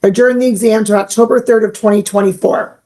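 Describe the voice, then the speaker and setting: A woman's voice: mid-range voice, fairly even intonation, fairly quick, dark tone. A young woman judge speaking firmly and stating procedure in court. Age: young adult. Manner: firm, stern, procedural.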